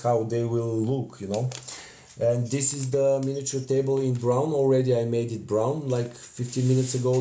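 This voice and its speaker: A man in his thirties from Bulgaria, with a Bulgarian accent, chatting casually with viewers on a phone live stream while he paints at a home craft table, often pausing with "uh". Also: medium pitch, slight background noise. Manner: chatty, warm thanks to viewers, frequent "uh" pauses. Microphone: phone camera close in front.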